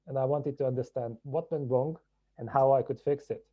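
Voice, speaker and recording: A man from Hungary, a podcast guest telling his story in a measured, reflective way. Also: mid-range voice, steady tone, phone-quality sound. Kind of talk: podcast interview.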